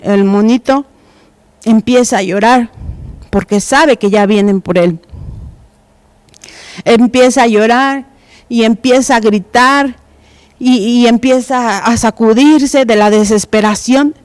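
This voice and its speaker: Slow, halting woman preacher with a higher voice. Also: darkish tone, no room sound. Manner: hesitant, many fillers and restarts. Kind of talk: sermon. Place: church.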